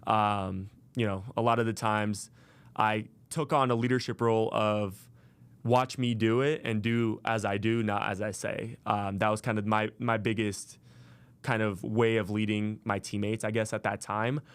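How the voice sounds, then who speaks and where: A man's voice: lowish voice, level tone, normal speed, clean tone, no echo. A man in his twenties hosting a podcast alone, telling his story in a casual way with many fillers and restarts. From Las Vegas, USA. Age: 20s. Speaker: podcast host. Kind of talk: solo podcast monologue.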